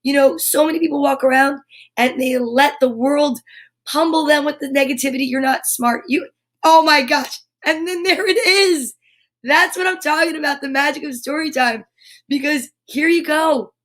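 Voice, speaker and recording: A woman's voice: sits high, normal speed. A middle-aged woman hosting a live story time, talking in an upbeat, encouraging way about positive affirmations. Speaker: children's story time host. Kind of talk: live-streamed casual pep talk.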